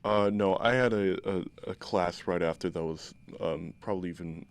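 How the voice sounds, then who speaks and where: A young man, a journalism student, asking a question in a halting, hesitant way with many fillers. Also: low-pitched, smooth. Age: young adult. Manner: halting, lots of fillers and restarts.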